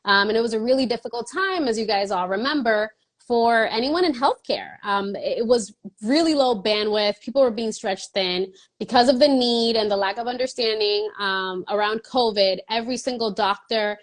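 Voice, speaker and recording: A woman's voice: fairly high pitch, moderate pace. A woman in her thirties from the Dominican Republic, a guest in an interview, answering at length in an earnest way with small laughs between phrases.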